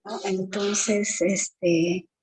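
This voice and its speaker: Woman teacher, slow deliberate lecture pace, lots of fillers. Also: medium pitch, flat delivery, a little mellow, slight background noise, low-quality recording. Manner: slow, explanatory, many fillers and tag questions. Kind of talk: online exam-prep lecture.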